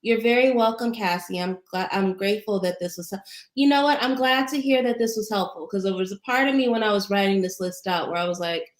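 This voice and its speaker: A meditation teacher with a soothing, mid-range voice answers chat questions during a casual, gentle, and encouraging livestream. She talks a little fast, and the recording has a roomy echo.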